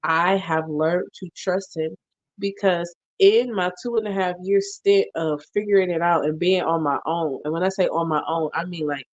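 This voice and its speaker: Lady host with a lowish voice, playful and animated, sounds a bit muffled and dry. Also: normal speed, dry recording. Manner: animated, playful, preacherly testimony. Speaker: podcast host. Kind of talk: casual chat.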